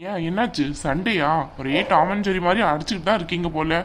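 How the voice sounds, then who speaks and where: Cartoon role: easygoing young man, lowish voice, voiced by a woman. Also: quick pace, a little hiss or hum, natural voice. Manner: reassuring, easygoing. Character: young man, calm, soothing fiancé. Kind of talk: cartoon voice acting.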